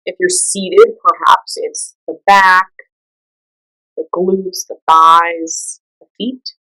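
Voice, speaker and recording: Guiding a meditation, a woman with a slightly low voice speaks slowly and in a level, soothing, conversational tone. She gives gentle instructions and leaves the listener time to follow without hurry, though the audio quality is poor.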